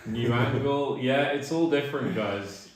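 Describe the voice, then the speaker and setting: A man hosting a live stream, chatty and informal, reading out viewer names one after another. Every word rings in a big hall echo, as if he were in a large bare room. His pitch sits in the middle range. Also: measured pace. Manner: chatty, reads out and thanks viewers. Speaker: streamer co-host. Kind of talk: casual live stream chat. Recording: very echoey room.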